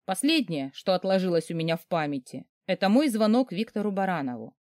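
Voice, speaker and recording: A woman telling a story in the first person, expressive and emotional, her pitch moving widely through each sentence. She sits close to the mic in a dry, dead-quiet sound. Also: fairly quick, no room sound. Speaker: audiobook narrator. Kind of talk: first-person audiobook narration.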